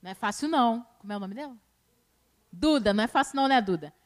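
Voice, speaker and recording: A woman with a Brazilian accent preaches a colloquial sermon at a church service, chatty and teasing, her voice swinging between loud and hushed. She talks fast at a fairly high pitch with lively intonation.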